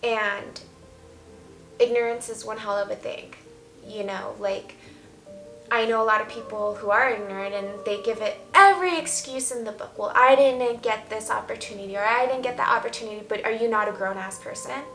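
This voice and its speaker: A fairly high-pitched woman speaks at normal speed as she vlogs casually, offering emphatic, opinionated views candidly to camera. Her recording has a roomy echo and faint, soft background music.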